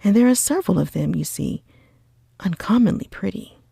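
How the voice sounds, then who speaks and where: Woman's ASMR role-play of eager, breathy Mister Bingley. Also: fairly low pitch, expressive, takes it slowly, warm tone, no echo, studio quality, heavily acted. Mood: enthusiastic. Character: lively, eager, friendly young gentleman.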